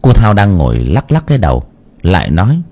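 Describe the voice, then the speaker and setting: A man narrates an audiobook story in a low, husky voice. His delivery is mellow and steady, with a lively pitch. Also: a little fast.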